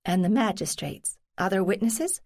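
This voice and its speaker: A woman, a cozy mystery narrator, voicing a supportive woman companion who asks questions with gentle concern. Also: mid-range voice, sing-song, moderate pace, creaky. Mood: questioning.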